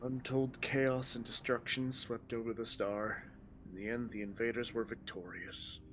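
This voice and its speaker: A man's voice: mid-range voice, level tone, moderate pace, a bit bright, soft background music, natural voice. A man voicing a weary ancient male dragon in a game, speaking in grave archaic lines and stumbling now and then as he reads them cold. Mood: solemn. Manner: archaic solemn delivery with stumbles from reading on the fly.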